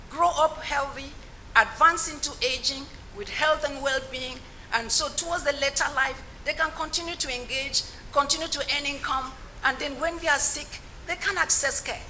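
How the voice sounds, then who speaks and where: A woman's voice: high-pitched, sharp tone, rough recording. A Nigerian woman delivering an advocacy speech as an agency director, emphatic, with repeated phrases and rhetorical questions. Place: public forum. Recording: faint event background noise.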